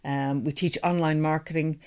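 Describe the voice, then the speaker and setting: A middle-aged Irish woman, interviewed as a guest, chats enthusiastically about her training business in a casual way. She speaks at normal speed, her low voice steady and somewhat dark.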